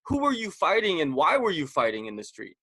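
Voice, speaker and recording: A man's voice: a little high, huge pitch swings, a little fast, bright, forceful tone, no room sound. A man from the West Coast hosts a podcast interview with a slightly raised voice. He talks loosely and conversationally, leaning on fillers as he works out his questions. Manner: conversational, filler-heavy with frequent "like". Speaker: podcast host. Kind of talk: casual interview talk.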